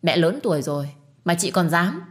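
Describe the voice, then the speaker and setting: A woman's voice: mid-range voice, moderate pace, pitched above the performer's own voice, lightly acted. A woman voicing a scheming young sister-in-law who whines and hurls accusations. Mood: accusing. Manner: whiny, accusing, loudly crying.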